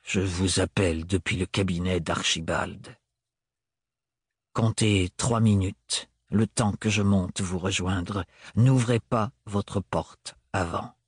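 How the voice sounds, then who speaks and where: A man's voice: low-pitched, slow, slightly rough, dry recording, studio quality, voice pushed down, heavily acted. A man reading an audiobook, voicing a stern, distant man with hard intonation. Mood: grave.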